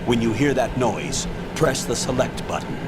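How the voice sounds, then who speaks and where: An actor playing a stern military colonel in a video game, briefing in a measured, commanding, clipped way. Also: male voice, medium pitch, very noisy, natural voice. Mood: instructing.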